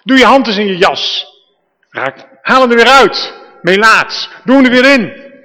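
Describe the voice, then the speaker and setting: A man's voice: extremely high pitch, big pitch swings, measured pace, sharp tone, voice pushed up, heavily acted. A man voicing God as a patient figure who talks in casual, everyday words. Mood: plain, insistent. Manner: casual everyday speech, like a friend. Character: patient, frank God speaking plainly. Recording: reverberant church hall.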